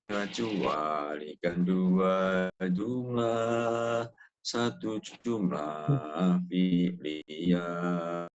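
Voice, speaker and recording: A man reciting grammar rules in an online class, his audio choppy and cutting out as he repeats phrases haltingly. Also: low-pitched, clear, resonant tone. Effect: choppy, cutting-out call audio. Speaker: student. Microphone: online voice call. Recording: dull, slightly noisy call line.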